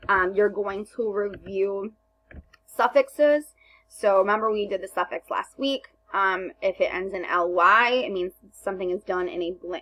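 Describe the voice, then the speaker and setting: Woman teacher, husky and lowish, explains step by step with plenty of "um"s. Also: a bit bright, rough recording. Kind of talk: recorded remote lesson walkthrough.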